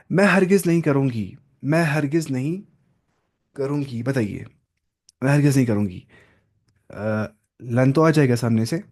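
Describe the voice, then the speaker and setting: A man's voice: fairly high pitch, darkish tone. Man drilling verb forms in a lesson. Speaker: Arabic teacher. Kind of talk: online grammar lesson.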